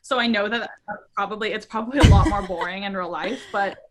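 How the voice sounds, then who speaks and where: A young woman in her twenties, a podcast guest in casual chat, rambling and halting as she talks. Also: medium pitch. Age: 20s.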